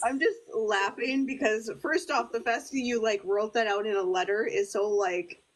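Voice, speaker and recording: A woman's voice: fairly high pitch, fairly even intonation, moderate pace, poor audio. A woman co-hosting a podcast in casual chat, giggly and leaning heavily on "like". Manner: giggly, heavy use of "like". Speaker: podcast co-host.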